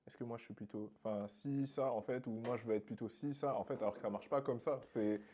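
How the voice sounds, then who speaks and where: A man hosting a casual interview, relaxed and agreeable, often chiming in with agreement. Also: medium pitch, fast, a little hiss or hum. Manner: relaxed, frequent backchannel agreement. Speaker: interviewer, host.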